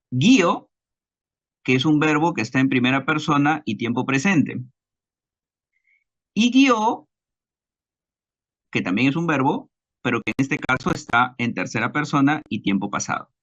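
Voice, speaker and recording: A man with a Peruvian Spanish accent teaching a recorded class lecture, slow and deliberate, repeating examples and checking understanding with tag questions. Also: medium pitch, a bit bright, muffled recording.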